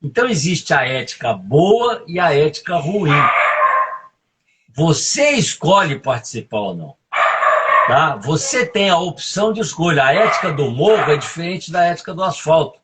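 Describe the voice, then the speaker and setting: A man's voice: on the high side, big pitch swings, moderate pace, very noisy. A man, giving emphatic leadership advice as a guest in a live interview, often asking "right?". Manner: emphatic, coaching, fond of tag questions.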